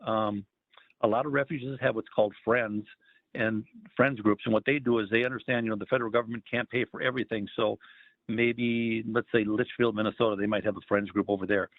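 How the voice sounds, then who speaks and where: Over a tinny, dry phone line on an online call, a man with a lowish voice gives a casual career talk, peppered with ums and uhs. He works for a federal wildlife agency, and the audio has no echo.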